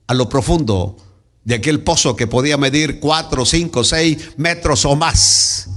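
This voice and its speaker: A pastor with a Salvadoran accent preaching in church, dramatic, acting out scenes and shouting cries. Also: male voice, on the high side. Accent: Salvadoran Spanish. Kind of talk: sermon. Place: church sanctuary.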